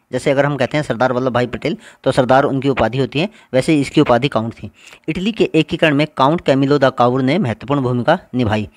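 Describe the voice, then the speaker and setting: A man's voice: fairly high pitch, dry recording, studio quality. A male teacher giving an exam-prep lecture over slides, explaining step by step and answering his own questions.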